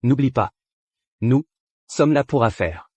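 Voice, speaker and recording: Husky, proud young prince. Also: male voice, mid-range voice, lively intonation, slow pace, a little mellow, no room sound. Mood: stern. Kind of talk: dubbed short-drama acting.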